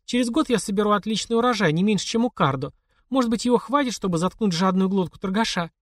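Audiobook: male reader as a scolding, mocking mother, voice pushed high. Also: lively intonation, fast, dry recording, clean studio sound. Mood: tender. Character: sharp-tongued mother, woman of the wasteland. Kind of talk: audiobook character voice.

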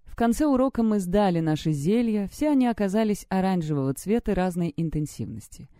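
Woman narrating an audiobook, first person, mellow dark voice, dry close sound. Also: medium pitch, fairly quick, no room sound. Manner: even storytelling in first person. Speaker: audiobook reader. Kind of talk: scripted narration.

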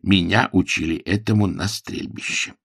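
Storybook character: a slow, earnest, insistent man, low and gravelly, read by the male narrator. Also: steady tone, fairly bright tone, no echo, clean studio sound, full character voice. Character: shy, gun-proud man, slow and earnest.

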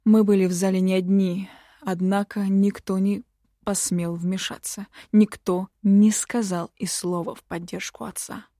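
Woman narrator, fantasy audiobook, slow, flat delivery, dry close sound. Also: medium pitch, dry recording. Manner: slow, even first-person storytelling.

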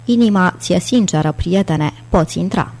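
A woman's voice: on the low side, darkish tone. Woman voicing a jovial, theatrical old aristocrat. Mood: teasing. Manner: grand, playful. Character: theatrical, jovial older British male aristocrat.

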